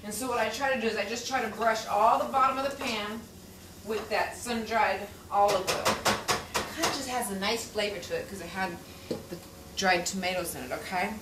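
A woman hosts a home cooking show from her kitchen, chatty and folksy, checking in with "okay?" as she demonstrates. Her mid-range voice holds a steady tone at a fairly quick pace, sounding distant and echoey amid loud clatter, sizzling pans and clinking utensils.

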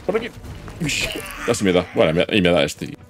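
A man's voice: low voice, wildly swooping pitch, fairly quick. A man giving casual gameplay commentary, chatting to himself as he plays and letting out sudden yelps. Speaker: gaming YouTuber. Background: game music.

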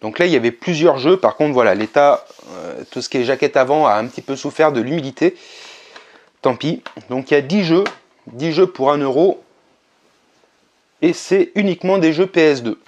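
A man narrating a casual vlog, relaxed and chatty, with frequent hesitations. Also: fairly high pitch, moderate pace, lo-fi sound. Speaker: video game collector vlogger.

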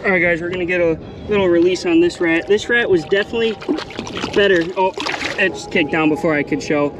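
Out on a small boat on a bay, a fishing vlogger host narrates in a high-pitched, brisk voice, excited and chatty, addressing viewers as "guys" and "bro". This casual running commentary comes through a body-worn action camera, with a noisy background and music underneath.

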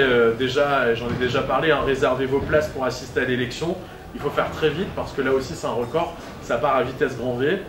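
Upbeat man announcing in an echoey hall. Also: mid-range voice. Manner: upbeat, with frequent "euh" fillers. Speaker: pageant event host. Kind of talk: announcing to a live audience. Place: event hall with a sponsor backdrop. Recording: echoey room, camera far off, background noise.

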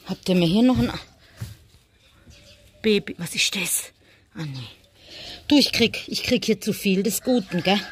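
A woman, chatting casually for a family vlog as she talks to her animals and sometimes drops into soft muttering. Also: on the high side. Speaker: family vlogger. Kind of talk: casual vlog chat while looking after rabbits.

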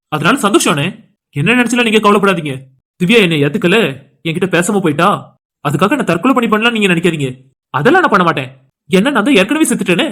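Brief: man playing a jilted young cartoon brother, high and rapid, bitter and self-mocking. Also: fairly bright tone. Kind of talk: cartoon voice acting.

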